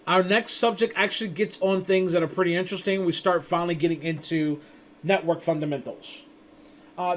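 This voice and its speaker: A man with a fairly high voice talks through the intro to his networking course. He rambles casually, restarting and tripping over words as he goes, and acts out little conversations as he tells a story. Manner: rambling with frequent restarts and stumbles; chatty storytelling with acted-out quotes. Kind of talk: casual spoken lecture.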